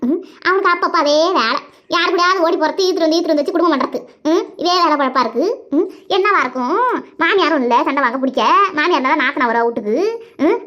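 A woman voicing a grumbling woman who plays the older sister in a cartoon. She speaks with a quick, scolding chatter. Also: sits high. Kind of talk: animated cartoon voice acting.

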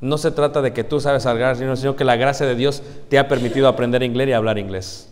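A man preaching a sermon to a congregation, often pausing on rhetorical questions he answers himself. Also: medium pitch, steady tone, slight background noise. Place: church congregation. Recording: long church hall reverb.

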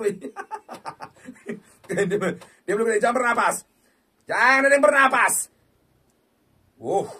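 A loud, excitable man calls the game as he plays. His voice sits high and swings wildly up and down, with a husky edge. He sounds a little away from the mic. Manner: rowdy, shouting, crude teasing banter. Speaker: slot game streamer. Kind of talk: excited gaming commentary. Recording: voice distant from the mic.

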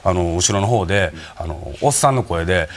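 A man's voice: deep voice, a little fast. A man with a Kansai accent telling a comic anecdote on a variety show, acting out the people in the story. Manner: animated, acts out the characters in the story. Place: TV studio with an audience. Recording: loud studio audience laughter.

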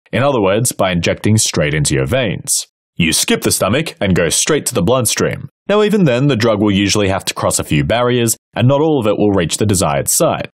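Deep, lively male explainer narrator. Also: dry recording, clean studio sound. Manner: playful, wry explaining. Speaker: host and narrator. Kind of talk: scripted educational narration.

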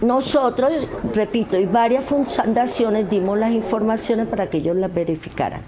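A woman's voice: on the high side, normal speed, crowd noise. An older woman giving interview testimony indoors, speaking hesitantly with many fillers and restarts. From Colombia and Venezuela. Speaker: interviewee, aid volunteer. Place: living room indoors.

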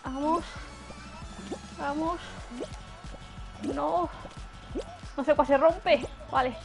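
Excitable high-voiced woman gaming. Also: extremely slow, gravelly, over music. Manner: excitable, cheering and groaning at the game. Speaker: gamer streamer. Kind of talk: casual gameplay chat with friend.

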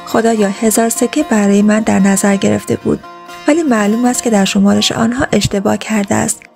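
A woman's voice: medium pitch, fairly even intonation, creaky, a little mellow, faint music behind, close to an everyday voice. Mulla Nasreddin, a smug old trickster, as a woman reads him. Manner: self-righteous, feigning frailty. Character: old male wise trickster, smug and crafty.

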